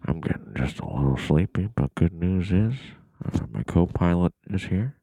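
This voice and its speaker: A man voicing a drowsy male airline captain who makes a slow, laid-back cabin announcement in a very deep gravelly voice. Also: animated, warm tone, no room sound, exaggerated voice. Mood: sleepy announcing.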